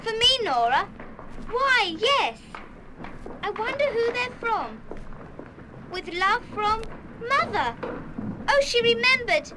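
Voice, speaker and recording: A woman's voice: very high-pitched, sing-song, slow pace, pauses often, very noisy, exaggerated voice. An actress playing a shy, sweet schoolgirl of about eleven in a children's radio play, speaking earnestly. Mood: delighted, touched. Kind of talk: 1970s full-cast children's radio play acting.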